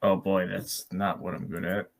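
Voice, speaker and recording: A man's voice: low voice, little pitch movement, moderate pace, vocal fry. A man taking part as a player in a tabletop game, laid-back in his replies.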